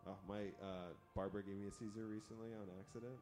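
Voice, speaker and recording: A man in his thirties hosting a casual movie watch-along podcast, rambling and joking, quick to laugh. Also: lowish voice, steady tone, warm tone. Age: 30s. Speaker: podcast host. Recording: music playing under the talk.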